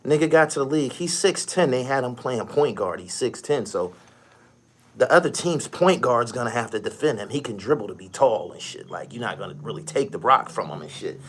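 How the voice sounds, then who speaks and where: A middle-aged man hosting a basketball podcast, ranting bluntly with lots of swearing and sudden loud, high outbursts. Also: fairly quick, a little hiss or hum. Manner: animated, blunt, swears a lot, rising to shouted outbursts. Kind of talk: profane basketball rant.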